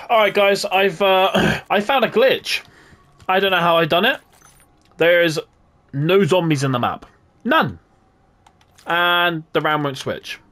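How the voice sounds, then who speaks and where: A young man commentating his own video game play, often frustrated and swearing in loud outbursts. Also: high voice, slow pace, pauses often. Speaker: gaming YouTuber. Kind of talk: gameplay commentary. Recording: game noise behind voice.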